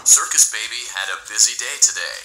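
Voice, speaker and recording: A man voicing a calm computerized facility assistant through a synthesized computer voice, giving polite, even system announcements over noisy game audio. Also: lowish voice, a little fast. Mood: instructing.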